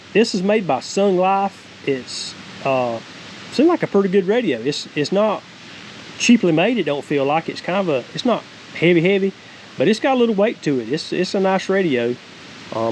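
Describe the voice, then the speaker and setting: On poor audio with a clear, steady outdoor hiss, a Southern-accented homestead vlogger in his forties offers a folksy, rambling, casual product review. His voice sits on the high side, and the setting shifts from a wooded creek to a cabin deck.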